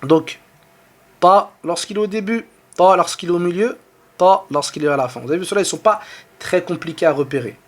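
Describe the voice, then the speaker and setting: A man with a French accent giving a patient online lesson on reading Arabic letters, sounding out each letter slowly and repeating it. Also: high voice.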